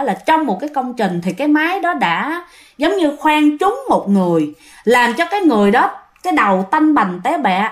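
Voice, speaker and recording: A woman with a Southern Vietnamese accent telling a ghost story in a chatty way, speaking straight to her listeners. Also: high-pitched. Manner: chatty, addresses listeners directly.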